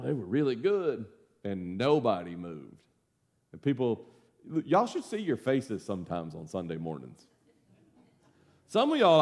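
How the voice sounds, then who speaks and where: Folksy preacher, lively delivery. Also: male voice, medium pitch. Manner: folksy, self-deprecating storyteller with lively swings. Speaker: pastor. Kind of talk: casual Bible study teaching.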